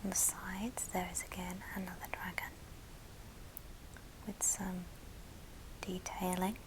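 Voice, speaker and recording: In a breathy, unvoiced whisper, a female ASMR video host gently shows and tells items, pausing between short phrases. Her voice is lowish with little pitch movement. There's a noisy background.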